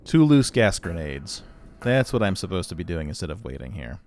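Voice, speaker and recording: A man with a fairly low voice talks through a retro adventure game in a relaxed, chatty way. He pokes fun at his own mistakes as he plays. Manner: chatty, quick to laugh at himself. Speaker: let's play host. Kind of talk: casual gameplay commentary.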